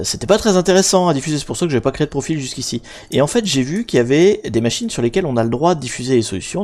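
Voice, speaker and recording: A man's voice: mid-range voice, a little mellow. A young man hosting a live stream, chatting casually and rambling with many fillers and self-mocking asides. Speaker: livestream host. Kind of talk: casual live-stream chat explaining hacking.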